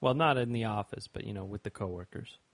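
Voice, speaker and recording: A man's voice: fairly low pitch, fast talker, vocal fry, no echo. A young man co-hosting a casual podcast chat, joking dryly and swearing casually. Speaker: podcast co-host.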